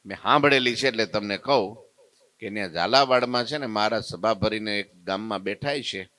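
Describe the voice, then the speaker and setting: Lively preacher telling a story. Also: male voice, lowish voice, fairly quick, dry recording. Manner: lively, acts out the story's characters in their voices. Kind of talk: devotional storytelling sermon.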